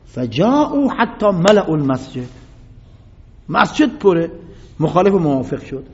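A man's voice: sits high, very animated. A man giving a religious history lecture, reading Arabic passages and retelling them in a dramatic, emphatic way. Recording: reverberant hall, dull lo-fi sound.

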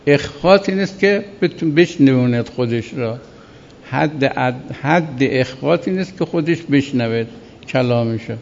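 A man teaching Islamic law in a class, reading a legal text slowly and then explaining it with many repetitions. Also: mid-range voice, gravelly, big-room sound, dull audio. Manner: reads Arabic text slowly, then explains by repeating himself.

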